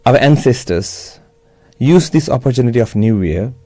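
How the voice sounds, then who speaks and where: Man, Sri Lankan accent, soft mellow tone, dry sound, measured teaching manner, religious talk. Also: medium pitch, lively intonation, no room sound. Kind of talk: religious talk, New Year address.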